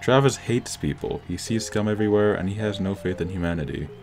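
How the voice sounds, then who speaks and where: Speaking a little fast with lively intonation, a man with a fairly low voice narrates a scripted film-analysis video essay. Plucked-guitar instrumental music accompanies the voice-over.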